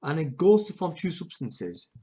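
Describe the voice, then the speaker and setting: A man's voice: fairly high pitch, sing-song, normal speed, warm tone, breathy edge. A male chemistry teacher talking methodically through exam questions, correcting himself as he goes. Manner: methodical, self-correcting explanations.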